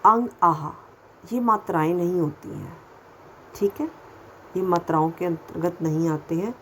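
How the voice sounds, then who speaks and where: A woman's voice: fairly low pitch, moderate pace, slight background noise, poor audio. A woman teaching a first-grade lesson to children, speaking patiently, repeating sounds and asking questions as she goes. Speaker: Hindi teacher.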